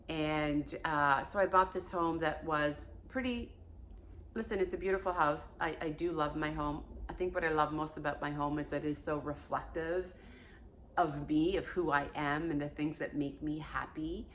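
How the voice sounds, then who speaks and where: A low-sitting female voice, recorded with slight background noise, belongs to a vlogger in her fifties born in Portugal. At home, she gives a candid personal monologue, blunt and emphatic, with casual cursing.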